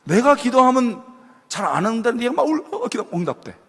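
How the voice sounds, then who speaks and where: A man's voice: very high voice, brisk, breathy edge. A man giving a sermon to a young adults' group, telling stories and acting out the voices of the people in them. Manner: animated storytelling, acting out quoted voices. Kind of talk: sermon with storytelling. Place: church hall. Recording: long hall reverb.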